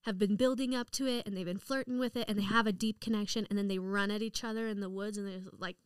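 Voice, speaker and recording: A woman's voice: medium pitch, fairly even intonation, quick pace, smooth, no room sound. A woman co-hosting a podcast, chatting casually with lots of laughter and rambling, enthusiastic explanations. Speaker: podcast co-host. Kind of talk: casual chat.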